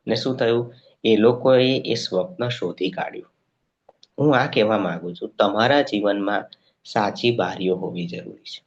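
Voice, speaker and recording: A low-voiced man preaches a sermon, acting out the stories as he tells them. He keeps checking that his listeners follow along. The sound is dull and lo-fi. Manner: animated storytelling with checking questions to the congregation. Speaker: pastor.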